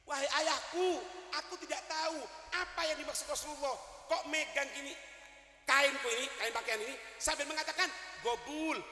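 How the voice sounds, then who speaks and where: A man's voice: very high voice, moderate pace, sharp tone, heavily acted. A male preacher voicing a timid, puzzled young girl in a slightly raised, pleading tone, in an echoey hall. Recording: echoey hall with long reverb.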